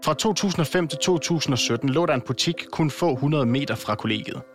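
A man who hosts and narrates, reading scripted documentary narration in a calm, measured way. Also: a little high, faint music behind. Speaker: host and narrator.

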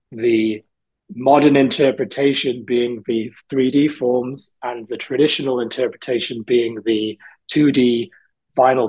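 A man's voice: medium pitch, darkish tone, husky, low-quality recording. A man from South Wales, a guest artist in a casual interview, talking thoughtfully and rambling a little, with frequent ums and laughs.

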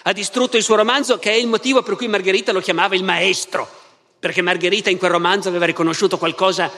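High, bright lecturer. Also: male voice, fast. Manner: lively, conversational, with asides. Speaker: history professor. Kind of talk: public lecture. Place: festival lecture hall. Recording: reverberant festival hall.

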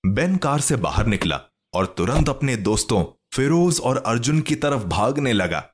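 A man narrating a children's story in an expressive, scripted reading. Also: medium pitch, measured pace, husky.

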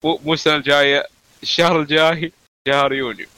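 A man co-hosts a casual podcast in a lively, joking manner. His voice is bright and slightly high, and he talks quickly. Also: dry recording, rough recording. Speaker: podcast co-host.

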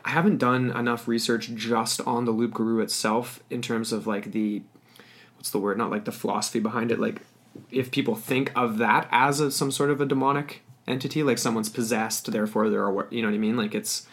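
A man's voice: medium pitch, level tone, brisk. A man co-hosting a podcast in casual chat, musing and meandering as he talks. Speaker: podcast co-host.

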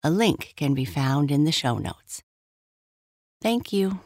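A woman hosting and narrating bedtime stories for children, gently and unhurriedly, as if tucking them in for the night. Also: sits low, expressive, slow, no room sound, clean studio sound. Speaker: host and narrator of a children's bedtime story podcast. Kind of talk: slow bedtime storytelling.

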